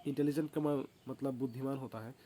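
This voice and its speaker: A man explaining a grammar lesson in a casual way, pausing often with filler sounds and correcting himself, and reading the rules out slowly. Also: mid-range voice, fairly even intonation, mellow, a little hiss or hum. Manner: hesitant, many filler sounds and self-corrections; reads English rules slowly and deliberately. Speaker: English teacher.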